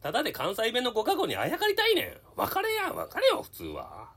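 Fake Kansai accent, woman playing a timid middle-aged man, swinging pitch, hesitant, comedy radio sketch. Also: huge pitch swings, a little fast, fairly bright tone, exaggerated voice. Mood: grumbling, defensive. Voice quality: mumbling, hesitant, gruff when annoyed.

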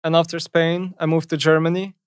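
Young man, Slovenian accent, higher-pitched clear voice, dry close sound, blunt and nonchalant, casual interview chat. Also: flat delivery, fairly quick, no room sound. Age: young adult. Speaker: esports pro gamer guest.

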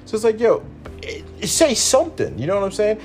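A man's voice: sits high, wildly swooping pitch, brisk, a little mellow, faint music behind. A man in his twenties delivering a frustrated, profane late-night solo rant from his room at home, repeating himself as he vents. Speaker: podcast host.

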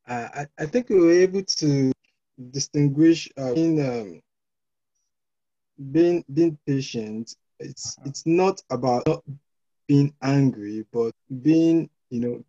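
A man in an online discussion group, answering haltingly and repeating words over muffled call audio. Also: medium pitch, warm tone. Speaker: group member. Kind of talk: casual online group meeting.

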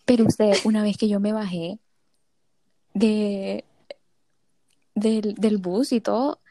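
A woman's voice: mid-range voice, slow, no room sound. A young woman from Honduras, telling stories in casual chat and acting out the voices she quotes. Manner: animated storyteller, acts out quoted voices.

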